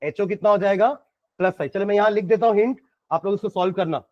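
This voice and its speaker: A man's voice: sits high, quick pace, no room sound, dull audio. A man with an Indian accent teaching science, working through problems step by step and quizzing his students. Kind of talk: classroom lecture solving problems.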